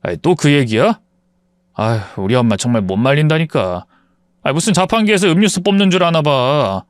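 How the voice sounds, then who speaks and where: A man's voice: on the high side, big pitch swings, normal speed, no room sound. A man voicing a protective young husband who speaks bluntly and firmly. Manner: firm, exasperated pleading. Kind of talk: storybook voice acting.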